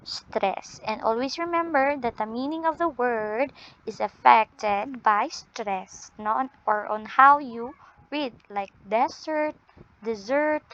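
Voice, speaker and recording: Filipino lady teaching english, slow and deliberate, keeps saying no?, kinda muffled audio. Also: fairly high pitch, a bit bright. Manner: ends points with tag "no?"; drawn-out, deliberate delivery. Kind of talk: classroom lesson. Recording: dull lo-fi audio.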